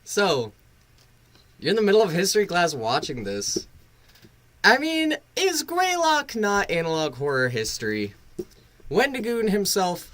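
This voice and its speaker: This livestream host and reviewer has a fairly high, fairly bright voice. Running a casual reaction stream, he rambles, curses, and offers blunt criticism laced with sarcasm and self-deprecation.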